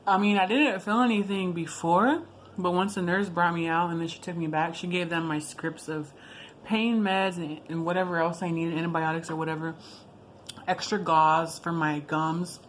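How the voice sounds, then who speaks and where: A woman with a slightly low voice tells a personal story in a casual, rambling vlog style. She drops in asides and corrects herself as she goes, with clear background noise behind her. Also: steady tone, moderate pace. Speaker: video blogger.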